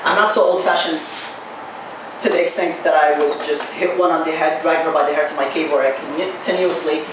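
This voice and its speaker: A young man from Arabia, performing a stand-up set at an open mic in a small bar, halting and restarting his lines. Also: fairly high pitch, fairly even intonation. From Saudi Arabia. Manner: halting delivery with restarts and drawn-out pauses. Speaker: stand-up comedian. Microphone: handheld mic, recorded by far camera. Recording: echoey bar from far camera with noise.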